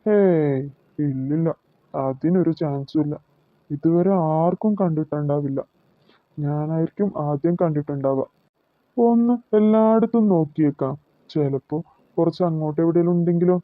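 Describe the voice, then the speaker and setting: Man voicing a high, tinny cartoon uncle. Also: normal speed, no echo, natural voice. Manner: puzzled musing, talking to himself. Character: adult man, an uncle and husband. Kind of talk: cartoon voice acting. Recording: tinny phone-like dry recording.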